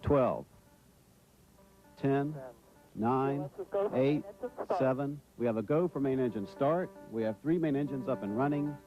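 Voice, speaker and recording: A man calling a rocket launch countdown in steady, clipped call-outs, heard over a muffled launch radio feed from archive footage. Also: medium pitch, measured pace, long pauses. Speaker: launch control commentator. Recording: muffled archive broadcast with music.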